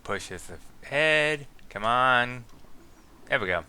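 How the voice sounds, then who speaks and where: Bright, animated man doing game commentary. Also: medium pitch, slow pace, clean tone. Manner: chatty, joking, reads passages aloud. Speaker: let's play commentator. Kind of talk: casual gameplay commentary and reading aloud.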